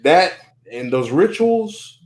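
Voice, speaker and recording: A man's voice: on the high side, big pitch swings, slow pace. A man hosting a casual podcast chat, talking earnestly, repeating and restarting phrases and swearing freely.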